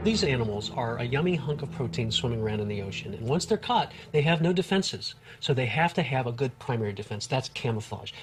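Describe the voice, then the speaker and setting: A man's voice: medium pitch, animated, a little fast, hardly any pauses, music in the background. A middle-aged man, a research scientist, explaining things informally and with wonder as an expert in a nature documentary. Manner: enthusiastic, marvelling, plain-spoken.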